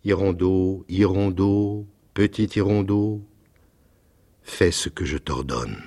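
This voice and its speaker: Storybook: man playing a solemn, kindly statue prince, low, slow and sorrowful. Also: mellow. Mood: solemn command. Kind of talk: storybook reading.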